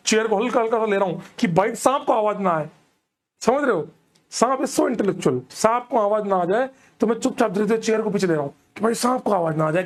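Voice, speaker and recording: A young man, telling a comic story in an animated way and keeping checking that the audience follows. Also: sits high. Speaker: stand-up comedian. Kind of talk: storytelling comedy.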